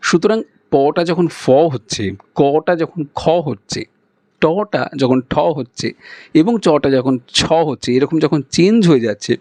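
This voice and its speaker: A man's voice: a little high, a little mellow, no room sound. Bengali-accented man teaching pronunciation. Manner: explains patiently and demonstrates sounds slowly. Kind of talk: spoken lesson to camera.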